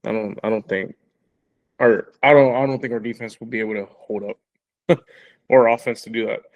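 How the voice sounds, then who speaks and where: A man's voice: medium pitch, fairly even intonation. Guy on a football podcast, keeps repeating himself and laughing, just chatting. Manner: halting, repeats words, laughs often. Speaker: sports podcast co-host. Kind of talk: casual sports chat.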